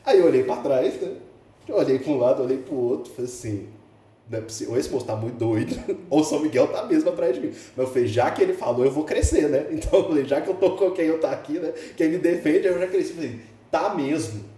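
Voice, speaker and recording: Fast-talking Brazilian man telling a story. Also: a little high. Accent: Brazilian Portuguese. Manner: lively, acts out dialogue, laughs often. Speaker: podcast guest. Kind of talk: animated storytelling. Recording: echoey room, mic at a distance, faint background hiss.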